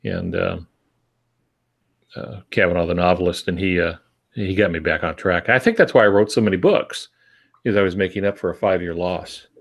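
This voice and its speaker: With a deep, gravelly voice at normal speed, an older man dispenses writing tips as a podcast co-host and novelist. He keeps it casual and folksy, with a dry, self-mocking humor.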